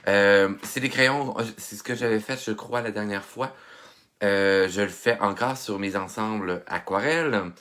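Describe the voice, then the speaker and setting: A man's voice: fairly low pitch, unhurried, fairly bright tone. Stuffy-voiced Québécois man teaching live. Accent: Québécois French. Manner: chatty, greets viewers by name, many fillers. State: stuffy from a head cold. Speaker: art instructor hosting a live stream. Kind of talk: casual live tutorial. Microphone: phone.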